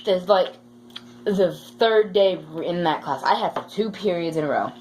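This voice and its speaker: Her voice sits fairly low with lively intonation and a darkish tone, moving at normal speed. She's a young woman, teen or young adult, chatting through school stories for her vlog with playful drama, and the audio is poor, with faint background noise.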